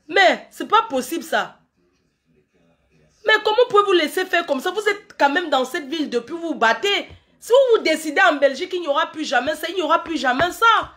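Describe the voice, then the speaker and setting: A woman, ranting to her viewers in a casual live stream and firing off rhetorical questions. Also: high-pitched. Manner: animated, argumentative, asks rhetorical questions. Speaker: vlogger addressing viewers.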